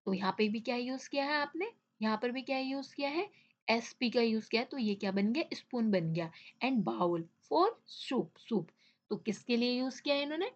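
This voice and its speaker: A woman's voice: a little high, animated, fairly quick. A woman teacher explaining a children's English lesson in Hindi, often stopping to ask the class questions and to check with "okay?". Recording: dull lo-fi sound.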